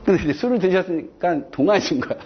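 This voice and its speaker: A man's voice: sits high, expressive, quick pace, husky. A man giving a chatty classroom law lecture, digressing and checking in with his students. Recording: dull lo-fi lecture recording.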